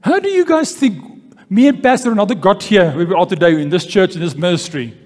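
Speaking a little fast, a male pastor with a high, slightly mellow voice and lively intonation reads scripture and preaches a sermon. He calls out "Amen?" and repeats key phrases for the congregation. The church hall lends long reverb, with faint music in the background.

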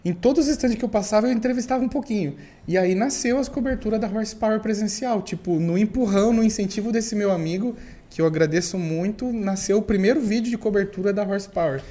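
Man, fairly high-pitched, animated podcast storytelling. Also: fast talker. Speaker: podcast guest, event reporter. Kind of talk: casual storytelling.

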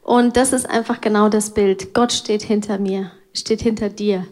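A woman giving a gentle, reflective part of a sermon. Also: medium pitch, fairly even intonation, normal speed. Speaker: church speaker.

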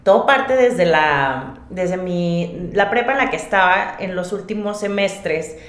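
Mujer del norte de México, voz algo grave. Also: female voice, on the low side, expressive, measured pace. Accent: northern Mexican, from Monterrey. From Monterrey, northern Mexico. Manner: chatty, self-interrupting, often quotes own thoughts. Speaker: podcast guest, independent singer and artist. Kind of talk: casual conversational interview, telling own story. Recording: roomy, echoey sound.

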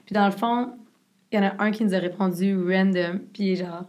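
A young woman with a Québécois French accent, a business co-founder telling her story in a casual interview with a rapid, animated, filler-heavy delivery. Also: mid-range voice.

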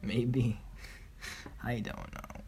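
Brief: man, average pitch, rambling profane vlog monologue, boastful, broken grammar. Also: flat delivery, drawn-out words, a little mellow, a little hiss or hum. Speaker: vlogger. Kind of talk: rambling casual monologue to camera.

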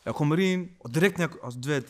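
A man telling a personal story in a casual podcast chat, slangy and animated, often checking that the listener follows. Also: a little high. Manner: slangy, animated, keeps asking if you follow. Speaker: podcast guest.

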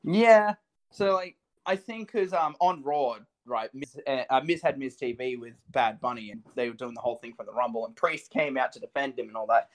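A man co-hosting a casual podcast chat, excitable and animated, laughing often. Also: mid-range voice, normal speed. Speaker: podcast co-host.

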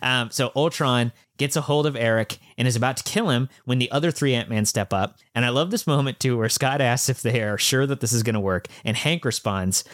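A man's voice: mid-range voice, fairly quick, few pauses, a bit bright, dry recording, clean studio sound. A man in casual podcast chat, recapping a comic book story, with frequent laughs and lots of fillers and restarts.

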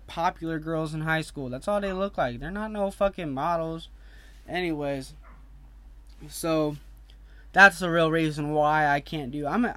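A young podcast host rants bluntly and heatedly on his own show, swearing freely and drifting into casual asides. His voice is fairly high and a bit bright, captured in a dry recording.

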